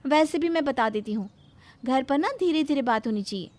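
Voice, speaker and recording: A woman's voice: sits high, expressive, fairly quick. A woman voicing a cheeky, sassy young bride in a cartoon story, pleading at times and talking back at others. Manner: pleading, then cheeky and loud. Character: sassy young bride hiding big ears.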